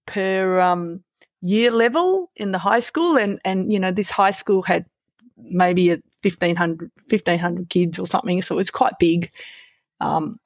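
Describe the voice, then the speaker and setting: This interview guest, a woman in her fifties, has an Australian accent; she was born in Malaysia and moved to Australia at about twelve. She recounts her story casually and candidly, poking a little fun at herself, in a medium-pitched voice with no echo.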